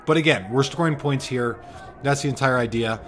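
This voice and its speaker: A man's voice: medium pitch, a little fast, a bit bright, a little hiss or hum. A man in his forties commentating a replay of his own boxing bout, with a joking, self-deprecating play-by-play manner. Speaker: amateur boxer commentating his own fight. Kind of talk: casual fight commentary.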